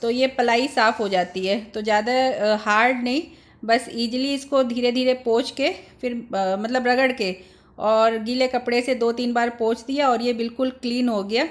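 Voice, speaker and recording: A woman's voice: fairly high pitch, fairly even intonation, normal speed. A woman in her thirties vlogging about her housework in a casual, chatty way, explaining each chore step by step. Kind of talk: casual home vlog narration.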